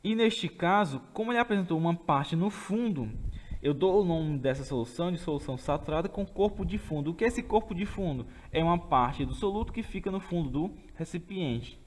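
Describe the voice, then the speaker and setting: A man's voice: fairly high pitch, lively intonation, fairly quick, in a large hall. A man teaching a remote chemistry lesson with a Brazilian Portuguese accent. He explains step by step and often checks in with his students. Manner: explains step by step, keeps asking "tá certo?".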